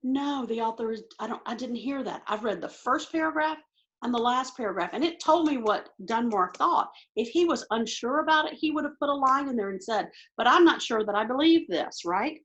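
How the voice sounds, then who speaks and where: Woman teacher, slightly high voice, quick self-narrating delivery, video-call audio. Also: animated, fairly bright tone, dull audio. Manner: quick, self-talking teacher walking through answers aloud. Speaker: test prep teacher. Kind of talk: recorded online lesson.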